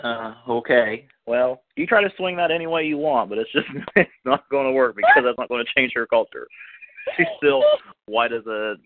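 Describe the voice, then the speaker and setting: A man co-hosting a casual podcast chat about soap operas, opinionated and quick to laugh. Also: mid-range voice, noisy background. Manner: chatty, opinionated, laughs often. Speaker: podcast co-host. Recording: tinny phone-like line, dry.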